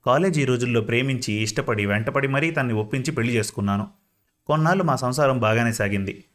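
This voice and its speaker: A man's voice: medium pitch, fast, a bit bright. A man narrating a first-person story in a reflective, emotive manner.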